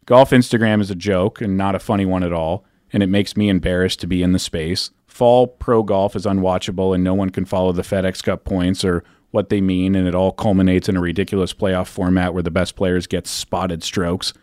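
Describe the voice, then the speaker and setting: A man co-hosting a golf podcast, delivering a wry, deadpan prepared monologue. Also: low voice, fairly quick, few pauses, no echo, studio quality. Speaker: podcast co-host. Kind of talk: scripted monologue.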